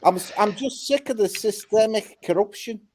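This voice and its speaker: Putting on a comic character during a live chat, a man plays a brash, foul-mouthed Scouse chancer who baits the police, swaggering through a rant and calling everyone lad and mate. He speaks in a Scouse accent with a high, slightly mellow voice at a moderate pace.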